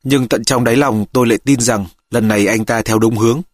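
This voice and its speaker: A man narrating an audiobook slowly and in a measured way. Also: mid-range voice, steady tone, no echo, studio quality. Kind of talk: audiobook reading.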